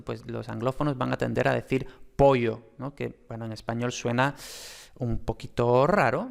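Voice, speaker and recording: Male teacher, explanatory lecturing voice, mid pitch, many fillers and pauses. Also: vocal fry. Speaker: phonetics teacher.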